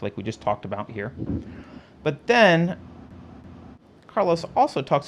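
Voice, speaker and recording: Man narrating footage in casual commentary. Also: medium pitch. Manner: conversational, pointing things out on screen, frequent restarts. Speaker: political talk show host. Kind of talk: casual commentary walking through video footage.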